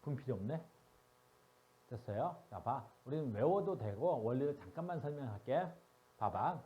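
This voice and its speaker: A man's voice: mid-range voice, animated, moderate pace, muffled recording. A male science teacher giving a classroom lecture, teasing and constantly asking his students questions.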